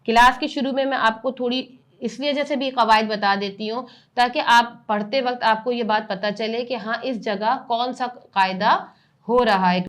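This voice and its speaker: A woman teaching Quran reading in a slightly high voice. She spells out syllables slowly and loudly, drawing each one out, then explains the rules at a brisker pace. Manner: slow, drawn-out loud recitation of syllables, then brisker explanations.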